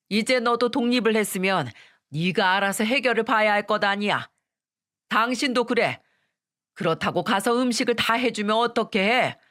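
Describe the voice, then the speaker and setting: A woman's voice: medium pitch, a bit bright, natural voice. A woman voicing a stern middle-aged father who lectures his family bluntly, in a scripted story reading.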